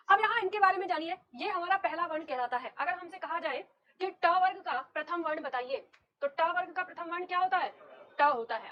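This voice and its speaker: High-voiced Hindi teacher woman. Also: fairly bright tone. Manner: explains step by step, asks students questions, brisk and direct. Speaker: Hindi teacher for competitive exams. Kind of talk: classroom lecture on Hindi alphabet.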